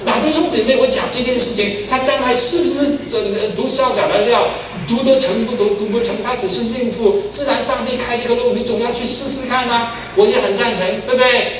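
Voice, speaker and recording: An older pastor tells stories in his sermon and moves between loud, excited bursts and quiet asides. His voice sits high for a man and carries from a distance in a very echoey church hall. Steady background noise runs under it. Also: fairly quick, few pauses. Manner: animated storyteller, swings from loud exclamations to soft asides. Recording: echoey hall, far from the mic, noisy.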